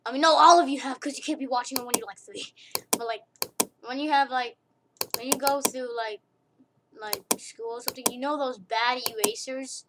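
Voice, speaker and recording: A woman's voice: high voice, fairly even intonation, normal speed. A young woman casually talking through a screen-recorded drawing tutorial, rambling, correcting herself and giggling at her own asides. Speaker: tutorial maker. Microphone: computer mic during screen recording. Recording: loud hiss with keyboard and mouse clicks.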